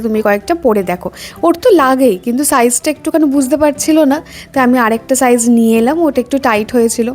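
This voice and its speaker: A young woman talks in an easy, chatty vlog style. Her voice sits high but sounds mellow and warm. She keeps it quiet and gentle. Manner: soft-spoken, chatty, speaks quietly while baby sleeps. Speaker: vlogger. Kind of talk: casual vlog chat.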